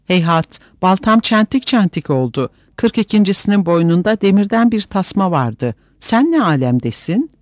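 A man voicing a battle-worn male dwarf warrior in an audiobook, with a loud, strong voice. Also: sits high, very animated, moderate pace, hardly any pauses, no room sound, voice pushed up. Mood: boastful.

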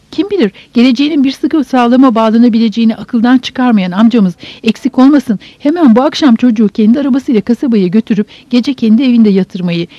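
A woman voicing a sharp-tongued, bossy older sister who scolds and nags sarcastically, in a dull, dry audiobook recording. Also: fairly high pitch, no echo.

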